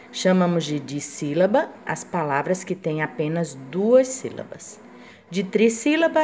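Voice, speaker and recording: A woman's voice: medium pitch, a little mellow, slight background noise. A woman teacher gives a grammar lesson, explaining step by step and voicing her students' questions.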